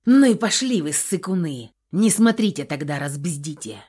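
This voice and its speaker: A woman's voice: sits low, lively intonation, moderate pace, a little mellow, slightly rough. A woman reading aloud voices a crude, swaggering male kidnapper who talks in a leering, vulgar way. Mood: mocking.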